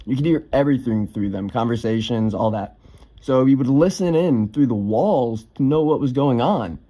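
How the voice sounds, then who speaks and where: A man's voice: mid-range voice, normal speed, dark tone. A young man casually telling a personal story, offhand, swearing now and then with lots of fillers.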